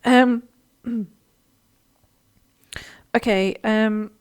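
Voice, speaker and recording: Her voice is fairly high, steady in tone, clear and resonant, and she speaks extremely slowly. She's a woman running a live online coaching session, casually answering viewer comments. She comes across as chatty and warm-hearted, with many ums and restarts.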